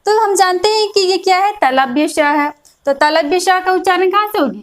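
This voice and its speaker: High-voiced woman teaching grammar patiently. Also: moderate pace, poor audio. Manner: patient, repeats points, checks in with frequent "is that clear". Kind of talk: classroom lecture explaining a chart.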